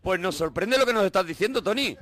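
Teasing male radio host, higher voice. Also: lively intonation, fast talker, a bit bright, faint music behind. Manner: playful, teasing. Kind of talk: comic radio banter.

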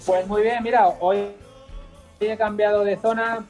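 A man's voice: high-pitched, little pitch movement, a little slow, a little mellow, faint music behind. A man co-hosting a casual radio chat over a phone connection, bantering and teasing. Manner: banters and teases. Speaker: radio co-host calling in from Valencia.

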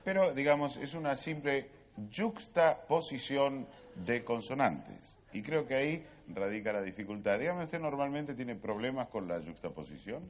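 An actor playing a fussy, formal language pedant who lectures on pronunciation in a comedy sketch. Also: male voice, medium pitch, animated, normal speed, few pauses, slight background noise, natural voice. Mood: pedantic. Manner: formal, lecturing, over-precise.

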